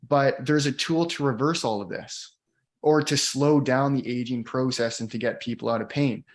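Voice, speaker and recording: A man's voice: medium pitch, normal speed. Chatty man in his thirties. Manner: animated, chatty, laughs easily. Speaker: co-host. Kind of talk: casual conversation.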